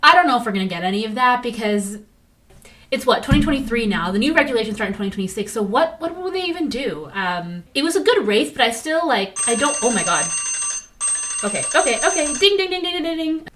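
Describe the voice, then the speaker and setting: A young woman hosting a casual solo podcast, chatty and jokey with quick asides. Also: on the high side, lively intonation, a bit bright. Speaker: podcast host.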